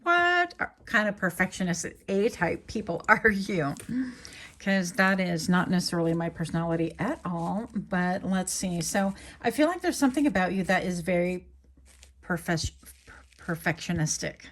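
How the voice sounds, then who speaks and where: A woman's voice: on the low side, lively intonation, moderate pace, a bit bright. A woman doing a casual tarot reading to camera, chatty and rambling, correcting herself and laughing lightly as she goes. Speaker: tarot reader.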